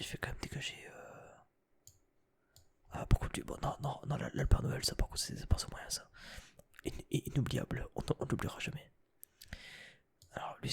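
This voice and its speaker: A man's voice: mid-range voice, gravelly, slightly rough. A young man whispering casual ASMR chat, hesitant and thinking aloud with many restarts and casual swearing.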